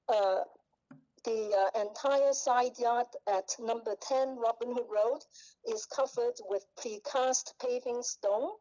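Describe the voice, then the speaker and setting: A woman's fairly high voice comes through a speakerphone held up to a microphone, dulled and boxy. She reads a formal statement as a neighbor at a hearing, slowly and with many hesitant fillers and restarts. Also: warm tone, lo-fi sound. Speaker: neighbor giving testimony at a public hearing.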